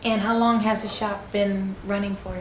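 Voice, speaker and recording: A woman's voice: mid-range voice, flat delivery, normal speed, a little hiss or hum. Woman interviewer in an echoey room. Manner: brief, plain questions. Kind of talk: interview questions.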